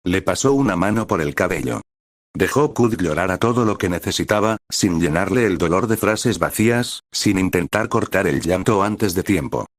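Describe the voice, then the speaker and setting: A man with a very deep voice narrates a romance story in an even, measured way. The recording is dry and close, with no room sound. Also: dry recording.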